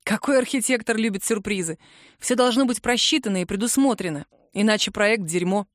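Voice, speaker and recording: A woman narrating a novel in an even storytelling voice, giving characters their own voices. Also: medium pitch, brisk, dry recording, studio quality. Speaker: audiobook narrator. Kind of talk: scripted narration.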